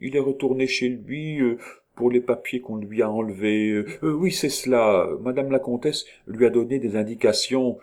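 A man's voice: mid-range voice, moderate pace, a little mellow, pitched above the performer's own voice, lightly acted. A man reading aloud and voicing a sly young woman who poses as a princess and feigns innocence. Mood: animated.

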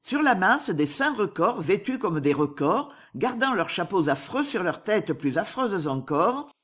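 A woman narrating a classic novel as an audiobook, in an expressive, animated reading. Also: mid-range voice, measured pace, husky. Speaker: audiobook reader.

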